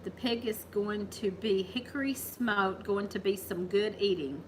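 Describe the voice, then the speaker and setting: A woman's voice: medium pitch, measured pace, slight background noise, poor audio. Chatty woman hosting a farm livestream. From Kentucky, USA. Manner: chatty, laughs easily, teasing. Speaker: farm channel host. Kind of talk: casual livestream chat.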